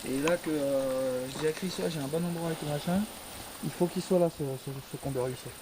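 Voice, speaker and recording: A man on a paranormal investigation in a forest near a stream, speaking calmly and addressing spirits directly. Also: a little high, fairly quick, noisy background. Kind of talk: casual on-location commentary. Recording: outdoor field recording with crickets.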